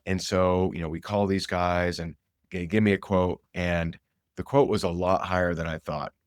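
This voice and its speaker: Middle-aged male sales coach, deep voice, energetic and emphatic, dry recording. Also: normal speed, clean tone, dry recording. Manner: energetic, emphatic, repeats key points; casual, conversational storytelling. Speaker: sales coach and show host. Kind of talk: motivational sales talk.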